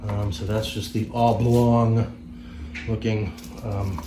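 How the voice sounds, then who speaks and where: A man's voice: fairly low pitch, little pitch movement, slow pace, roomy sound, noisy background. A man with a Boston accent, a tech vlogger talking casually through an unboxing from his living room, rambling with lots of ums and restarts into a camera on a tripod.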